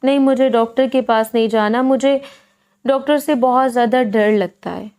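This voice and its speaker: A woman's voice: a little high, darkish tone, clear, resonant tone, lightly acted. A woman voicing a timid young wife who speaks earnestly and seriously.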